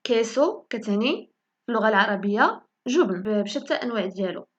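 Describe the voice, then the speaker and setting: A woman with a Moroccan Arabic accent teaching a language lesson, saying each example word slowly and repeating it for learners. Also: a little high, lively intonation, highs cut off. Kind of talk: spoken lesson in Moroccan Darija.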